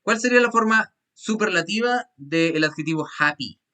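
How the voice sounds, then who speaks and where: A man's voice: high voice, lively intonation, normal speed, sharp tone. A man teaching an English class over a video call, patiently repeating grammar rules step by step. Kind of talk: online class explanation.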